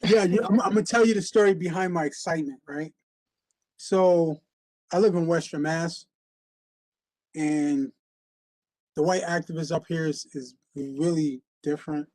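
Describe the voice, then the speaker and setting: Casual, chatty man hosting, fairly high voice. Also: fairly even intonation, moderate pace, pauses often, darkish tone. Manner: casual and chatty, full of fillers and repeated starts. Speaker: host. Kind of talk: casual interview conversation.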